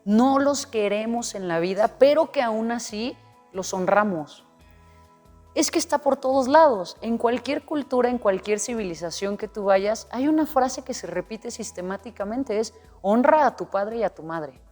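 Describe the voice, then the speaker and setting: A woman's voice: fairly high pitch, expressive, moderate pace, darkish tone. A woman speaks as an interview guest, earnest and explanatory, now and then voicing an imagined inner dialogue. Her voice carries a long reverb tail, and faint music plays underneath. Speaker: guest coach. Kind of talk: interview conversation.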